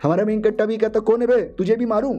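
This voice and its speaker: A man's voice: sits high, steady tone, rapid-fire, muffled recording, faint music behind, natural voice. A man voicing a tough young male hero who talks bluntly and threateningly.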